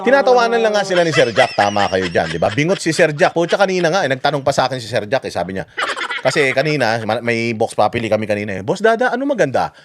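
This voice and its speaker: A man's voice: mid-range voice, sing-song, fast, very noisy. A Filipino man doing a political vlog, ranting in a mocking, crude way and laughing at his own jokes. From Philippines. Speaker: political vlogger. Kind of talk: casual ranting commentary.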